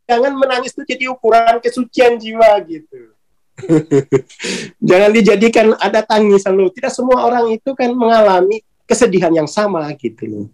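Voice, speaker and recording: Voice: medium pitch, darkish tone, rough recording. A speaker on a spiritual channel giving a casual talk, informal and colloquial, often laughing between points. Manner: colloquial, with many tag words at sentence ends.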